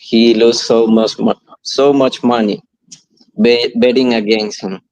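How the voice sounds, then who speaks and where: A man from Ecuador calling in to a betting show, earnest and halting. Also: mid-range voice, fairly even intonation, a little mellow, dry recording, highs cut off. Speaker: caller. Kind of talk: casual chat.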